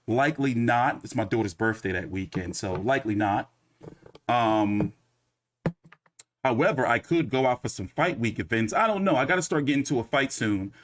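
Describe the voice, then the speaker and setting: A man's voice: mid-range voice, animated, normal speed, a bit bright, slight background noise. A man hosting a loose, rambling recap of a boxing press conference, cursing casually as he talks. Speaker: boxing commentary host.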